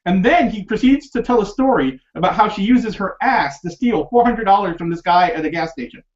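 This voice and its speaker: A man with a high-sitting, animated voice hosts a casual film podcast at a brisk pace. He rambles, laughs often, and fills his talk with fillers and restarts, all on a dull lo-fi recording.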